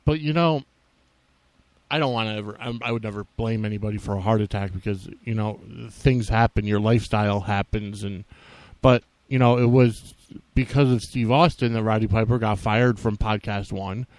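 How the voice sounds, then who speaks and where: Guy podcaster rambling off the cuff, haltingly, smooth low voice, no room sound. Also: darkish tone, no room sound. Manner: halting and rambling, frequently restarting thoughts. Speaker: wrestling podcast host. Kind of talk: unscripted solo podcast talk.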